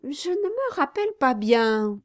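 A woman's voice: sits high, unhurried, no room sound, studio quality, voice pushed up. A woman doing a fawning, obsequious lawyer. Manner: fawning, flattering.

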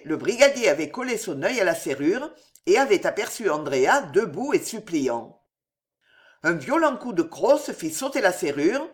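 A man narrating a classic novel as an audiobook, with an expressive, dramatic delivery. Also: high-pitched. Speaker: audiobook reader.

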